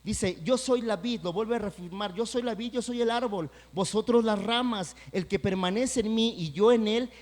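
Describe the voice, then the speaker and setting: A pastor preaching a sermon, talking conversationally and then building to loud, emphatic peaks. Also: male voice, high-pitched, moderate pace, hardly any pauses. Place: church sanctuary. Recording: church hall with long reverb.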